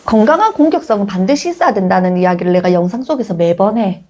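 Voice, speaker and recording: A middle-aged woman, an early childhood educator, giving informal parenting advice to a companion, expressive and often laughing. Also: mid-range voice, fast talker. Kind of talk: casual advice talk to a companion.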